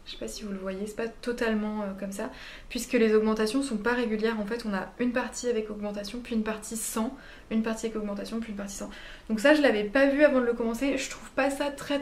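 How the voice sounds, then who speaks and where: A woman talking through her knitting projects in a relaxed vlog, with many fillers and quick corrections. Her voice sits at an ordinary pitch and carries a clear room echo. A faint background hum stays underneath. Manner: chatty and hesitant, many fillers and self-corrections. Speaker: knitting vlogger. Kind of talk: casual vlog chat.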